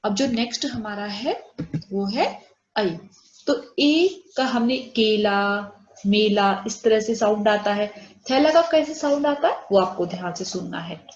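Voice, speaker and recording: A woman teaching a Hindi lesson, saying example words slowly and giving their English meanings. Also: medium pitch, lively intonation, darkish tone. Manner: explains Hindi words with English glosses, slow drawn-out examples. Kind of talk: online class lesson. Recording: echoey room, dull lo-fi audio.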